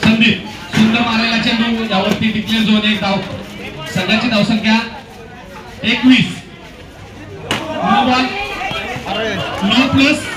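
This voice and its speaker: A man calling out runs and no-balls as a match announcer at an outdoor cricket ground, his voice carried over a PA loudspeaker. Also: extremely high pitch, steady tone, a little slow, pauses often. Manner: loud, calls out runs and no-balls. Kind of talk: live cricket commentary. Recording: echoey loudspeaker from far off, loud crowd and noise.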